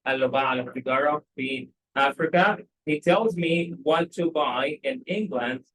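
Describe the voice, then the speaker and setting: A man with an Egyptian Arabic accent, teaching English by reading a simple story aloud. His voice sits a little high, and his overall delivery is slow and unhurried. He asks the listener short questions again and again to check that each word has landed. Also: a bit bright, a little hiss or hum, rough recording. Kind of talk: explaining a story for English learners.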